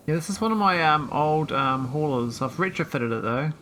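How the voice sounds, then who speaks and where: A man chatting casually while streaming a game, rambling with many pauses and talking to his viewers. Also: a little high, animated, bright, forceful tone, slight background noise. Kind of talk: casual live-stream chat.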